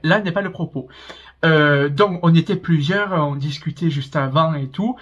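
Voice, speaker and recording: A man's voice: on the high side, moderate pace, a bit bright, dull audio. A young man with a southern French accent telling a rambling storytime in his vlog, full of hesitations. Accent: southern French, Pyrénées-Orientales. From France, Pyrénées-Orientales. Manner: chatty, rambling, many hesitations. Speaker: vlogger.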